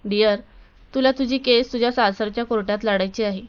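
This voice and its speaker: A woman's voice: on the high side, steady tone, brisk, smooth, lightly acted. A woman voicing a cheerful young woman friend in a read-aloud story, joking playfully. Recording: dull lo-fi recording.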